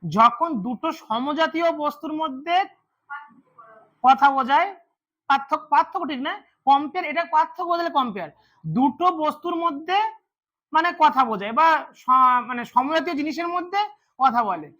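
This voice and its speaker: A man's voice: extremely high pitch, expressive, moderate pace, long pauses, pushed and bright. A man teaching English grammar to a class, repeating words and quizzing his students as he goes. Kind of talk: classroom lesson.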